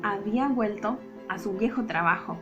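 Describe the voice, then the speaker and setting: A woman with a Rioplatense Spanish accent, a Sunday school teacher telling a Bible story to children in an expressive, dramatic way. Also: mid-range voice, moderate pace, muffled recording, music in the background.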